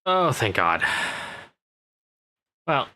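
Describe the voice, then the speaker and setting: A man's voice: mid-range voice, very animated, extremely slow, bright, forceful tone. A man giving casual, half-muttered commentary while playing a survival game, thinking aloud to himself and dealing with hiccups. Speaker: gaming channel host.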